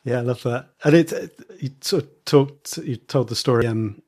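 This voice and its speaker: Soft-spoken male podcast host. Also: medium pitch, normal speed. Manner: soft backchannels, hesitant questions. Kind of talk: podcast interview.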